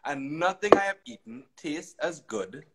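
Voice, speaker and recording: A man's voice: on the high side, a little slow, heavy background noise, voice pushed up. A man voicing an eager, insistent young male monkey in a storybook reading. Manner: excited, insistent.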